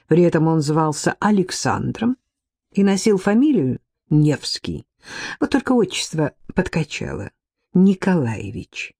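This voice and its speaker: A man reading an audiobook aloud in a measured, unhurried way, lowering his voice for the characters' dialogue. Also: warm tone, dry recording, clean studio sound. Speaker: narrator. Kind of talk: audiobook narration.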